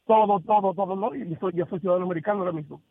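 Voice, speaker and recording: A man from the Dominican Republic calls in, earnest and telling his own story. His gravelly, slightly high voice comes through a dry, tinny phone line. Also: very fast, a loud crowd. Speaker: phone-in caller. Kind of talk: casual phone call.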